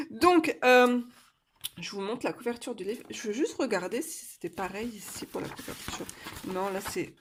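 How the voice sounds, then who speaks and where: A cheerful woman in her thirties talks casually while she colors. She hesitates a lot, stopping and restarting with fillers. Her voice sits at an ordinary middle pitch. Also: brisk, noisy background. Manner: cheerful, laughs easily. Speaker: coloring book YouTuber.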